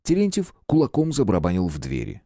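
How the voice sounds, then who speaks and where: Expressive male audiobook narrator, low voice. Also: fast, no echo, clean studio sound. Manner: expressive storytelling. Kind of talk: scripted narration.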